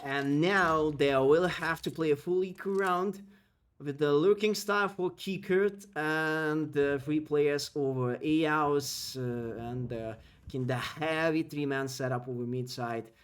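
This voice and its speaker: In clean-toned audio, a non-native English-speaking caster calls an esports match alone, his rapid commentary climbing higher whenever the action spikes. Between rounds he turns to chat with his audience.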